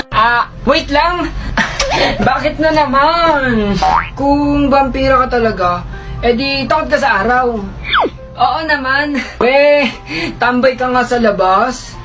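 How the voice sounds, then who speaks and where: High-voiced woman in playful skit banter. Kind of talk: comic skit, voicing both sides of a dialogue. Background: music.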